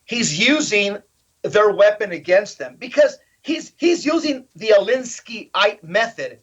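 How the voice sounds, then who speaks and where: Man with a high voice firing off rhetorical questions, punchy and emphatic, kinda dull lo-fi audio. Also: expressive, a little slow, husky. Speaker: guest. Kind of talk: animated political interview talk.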